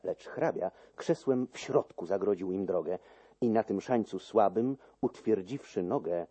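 A man reading narrative verse aloud in an expressive storytelling manner. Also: on the low side, measured pace, breathy edge, no room sound.

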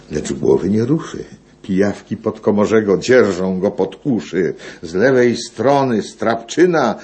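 A man reading epic poetry aloud in a slow, declamatory way. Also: low voice, creaky, a little mellow.

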